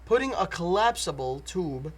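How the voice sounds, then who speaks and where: A man's voice: high voice, big pitch swings, normal speed, slightly rough. A young man playing a debater in a school-project comedy sketch, lecturing with mock seriousness.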